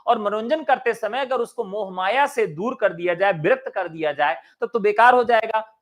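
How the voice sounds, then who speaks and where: A man with a high voice gives an exam-prep lecture. He talks in a chatty, animated way. He puts questions to the class and answers them himself. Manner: chatty, jokes and sings a line of a folk song. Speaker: teacher.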